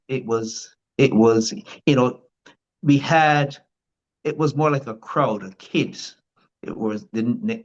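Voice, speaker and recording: Through a muffled recording, an older Barbadian man with a mid-range voice and a Barbadian accent tells his life story as a guest in a casual interview. He rambles, restarting often.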